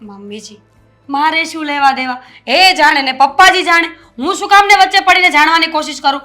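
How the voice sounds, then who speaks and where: A young working daughter-in-law bickers at high speed in a family film drama. Her voice is high and bright. She pushes her complaints out quickly. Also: faint music behind. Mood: irritated.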